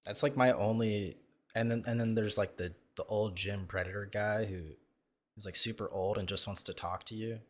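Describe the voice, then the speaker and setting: Crude, rambling low-voiced man. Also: steady tone, normal speed. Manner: crude, self-mocking, full of fillers and restarts. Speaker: streamer reacting to videos. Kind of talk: casual rambling storytelling.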